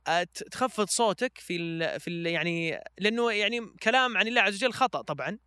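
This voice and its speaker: A man from Switzerland, a podcast guest, reciting the Quran in slow drawn-out chanting and talking casually with hesitant fillers. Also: sits high, expressive, bright, forceful tone, dry recording, studio quality.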